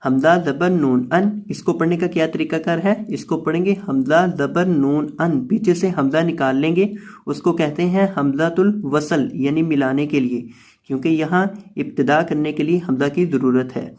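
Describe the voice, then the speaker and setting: Patient man teaching Quran letters slowly. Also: a little high, a little mellow. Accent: Pakistani Urdu. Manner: patient, repetitive explaining, stretches recited syllables slowly. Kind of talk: slow tajweed lesson, spelling out letters and drawing out syllables.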